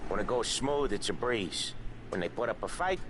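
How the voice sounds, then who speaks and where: An actor playing a seasoned mobster mentor who talks in a calm, matter-of-fact way, heard through game audio. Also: male voice, fairly low pitch, moderate pace. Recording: game audio with loud background noise.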